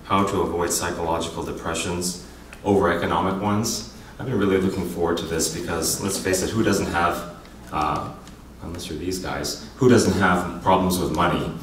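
A man moderating a panel at a conference, opening with wry, teasing jokes and pausing for laughs. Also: low-pitched, steady tone, roomy sound, slight background noise. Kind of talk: joking conference emcee remarks. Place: conference hall with live audience.

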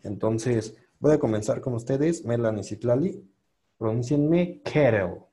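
A man teaching English pronunciation in an online class, patiently repeating sounds slowly for his students. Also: mid-range voice, lively intonation, mellow.

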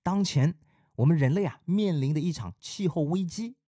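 A man from China teaching an English vocabulary lesson in a lively, explanatory way, mixing in English example sentences. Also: fairly high pitch, moderate pace, breathy edge, dry recording, clean studio sound.

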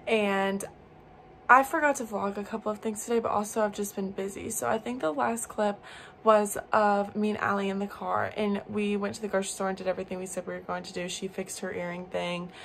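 Chatty young woman, gravelly edge. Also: mid-range voice, steady tone, a little fast, a bit bright, a little hiss or hum. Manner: chatty, upbeat, filler-heavy. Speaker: vlogger. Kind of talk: casual vlog chat. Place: car and bedroom. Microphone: phone at arm's length.

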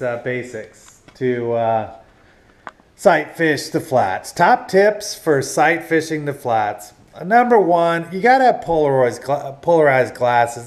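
A middle-aged man giving casual fishing tips in a rambling, folksy, self-deprecating way, recorded at home on a nearby action camera. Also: mid-range voice. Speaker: fishing channel host. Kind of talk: casual instructional talk. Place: living room at home, indoors.

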